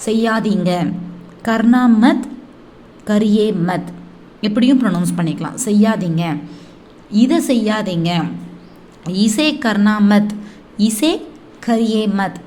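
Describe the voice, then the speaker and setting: A woman teaching Hindi phrases, repeating each one slowly and clearly. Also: mid-range voice, lively intonation, a little mellow, a little hiss or hum. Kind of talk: language lesson, slow repetition.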